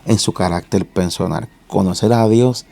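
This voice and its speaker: Gravelly, low-voiced man hosting a faith show. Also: mellow. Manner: fervent religious greetings, measured questions. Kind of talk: faith interview.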